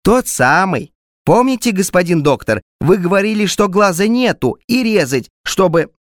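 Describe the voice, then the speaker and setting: A man's voice: high-pitched, lively intonation, normal speed, dry recording, studio quality, voice pushed up. A male audiobook reader voicing a stubborn, easily frightened village peasant woman from an old storybook tale, in a folksy manner. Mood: mocking. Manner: pleading, then mocking, raised folksy voice.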